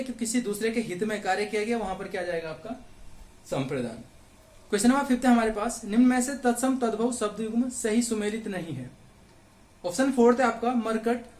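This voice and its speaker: Man teaching Hindi grammar, echoey room. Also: high-pitched. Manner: asks rhetorical questions and answers them. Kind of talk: exam question walkthrough lesson.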